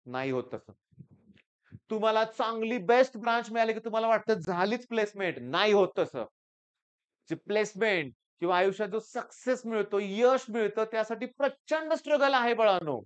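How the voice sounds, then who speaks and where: A man from the Sangli region, an engineering maths teacher giving students an earnest, animated motivational talk. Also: sits high, moderate pace, clear, resonant tone, lo-fi sound. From Sangli region, Maharashtra.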